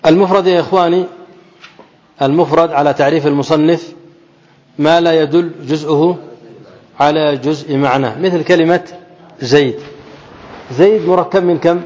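A man teaching a classical grammar text to a class, often asking his students questions and slowly repeating key phrases. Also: on the high side, steady tone, a little mellow. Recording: dull audio with long hall reverb.

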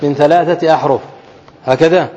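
A man teaching a classical grammar text to a class, often asking his students questions and slowly repeating key phrases. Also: on the high side, fairly even intonation, mellow. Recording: dull audio with long hall reverb.

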